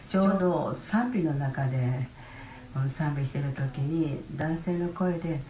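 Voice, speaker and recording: An older woman, giving a halting personal testimony in church with many pauses. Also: low-pitched, mellow, a little hiss or hum. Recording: roomy church hall.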